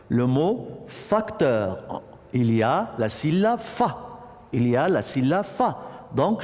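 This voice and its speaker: A man teaching a French lesson to young children, repeating words slowly and praising the class often. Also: on the high side, darkish tone, long reverb tail. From Morocco. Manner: slow, repetitive, encouraging classroom delivery. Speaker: primary school teacher.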